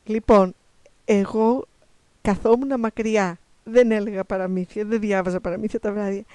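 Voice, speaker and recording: A middle-aged woman with a Greek accent, reading a children's story aloud for a radio show in a lively, expressive way. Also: medium pitch, no echo. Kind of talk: storybook narration.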